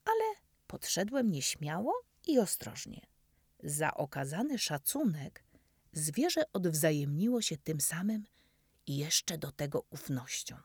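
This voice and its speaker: A woman narrating a children's story in the first person, expressive, sometimes dropping into soft whispers. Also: low-pitched, measured pace, slightly rough, dry recording, clean studio sound.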